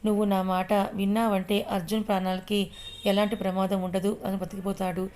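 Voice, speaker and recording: A woman's voice: medium pitch, flat delivery, normal speed, a little mellow, natural voice. A woman voicing a possessive young male villain in an audio story, taunting and threatening. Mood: menacing.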